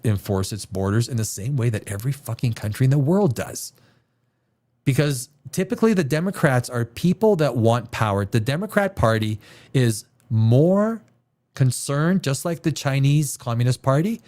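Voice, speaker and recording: A Canadian man with a mid-range, darkish voice hosts a livestream chat. He is blunt and profane, hammering his points home with repetition.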